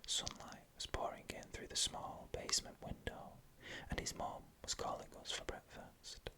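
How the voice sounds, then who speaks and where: A person whispering scary first-person stories in a hushed, unvoiced ASMR narration from start to finish. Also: moderate pace. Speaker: storyteller.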